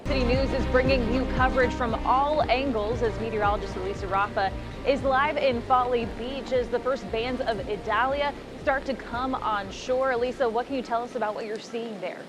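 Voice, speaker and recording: A woman news anchor with a fairly high voice introduces a live report. Clear music plays underneath her broadcast delivery. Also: normal speed.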